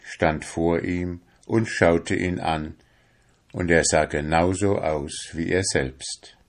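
Deep, slow-reading storyteller man. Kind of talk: fairy-tale narration.

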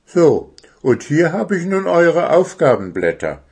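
A man voicing a strict but kind female owl who teaches at a forest school, speaking in a measured teacher's tone. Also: on the high side, big pitch swings, gravelly, slightly rough, pitched above the performer's own voice, exaggerated voice. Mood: teacherly.

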